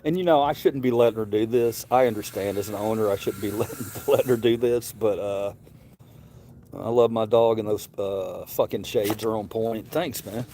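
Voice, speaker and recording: A Gen X livestream host from Mississippi chats casually in a Southern accent, rambling and repeating words. His voice is lowish and dark at a normal speed, with slight background noise.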